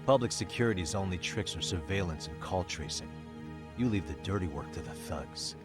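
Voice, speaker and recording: Dogged detective for game drama: deep, informal, confrontational; scored with clear background music. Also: male voice, expressive, moderate pace. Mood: accusing. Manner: blunt, challenging, informal. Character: blunt, dogged male detective confronting a shady official. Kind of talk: dubbed video game drama acting. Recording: music behind the voice.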